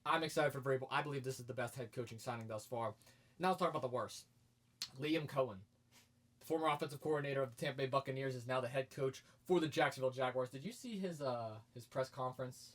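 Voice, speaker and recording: A man's voice: medium pitch, fast talker. A man co-hosting a sports podcast, chatting casually and getting emphatic and hyped as he argues his points. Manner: energetic and emphatic, gets loud and hyped.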